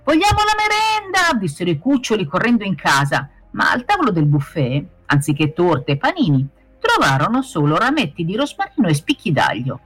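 A woman reading a children's fable aloud in a lively, expressive way. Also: fairly low pitch, fairly quick, hardly any pauses, breathy edge, faint music behind. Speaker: storyteller, author of the tale.

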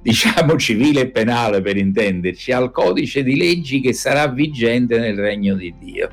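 An older man, a professor being interviewed, explaining in a measured, lecturing way. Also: mid-range voice, animated, creaky, soft background music. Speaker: professor guest. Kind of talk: interview on religion.

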